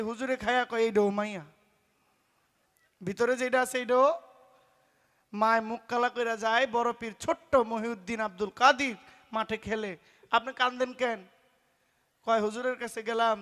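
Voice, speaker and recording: A man with a tells a religious story on stage in pala gaan style, loud and emphatic, acting out the voices of its people. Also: very high-pitched. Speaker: folk singer preaching a story. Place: stage at a live folk performance.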